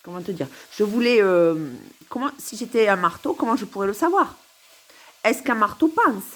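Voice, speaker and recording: A woman's voice: mid-range voice, animated, normal speed. A woman recording a rambling, philosophical monologue to camera at home, musing, giggling and repeating herself. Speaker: vlogger.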